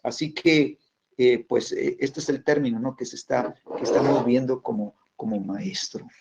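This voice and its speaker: A man teaching a church class on scripture, halting often with fillers and tag questions. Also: mid-range voice, vocal fry, very noisy. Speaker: bible teacher. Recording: dull lo-fi recording.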